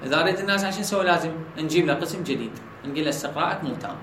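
A man's voice: fairly high pitch, rapid-fire, a bit bright, reverberant, a little hiss or hum, poor audio. Man, Iraqi accent, logic lesson, keeps checking students follow, faint room ambience. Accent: Iraqi Arabic. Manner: asks students checking questions. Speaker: teacher.

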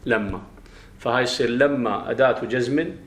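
A man with an Iraqi Arabic accent teaching a grammar class, explaining step by step, questioning his students and slowly chanting verses. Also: medium pitch. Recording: roomy classroom echo.

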